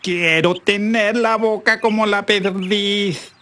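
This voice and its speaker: A storyteller voicing a sly male fox who longs to sing like a bird, talking in a slow, drawn-out croon. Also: mid-range voice, steady tone, fairly bright tone, pitched above the performer's own voice. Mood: yearning.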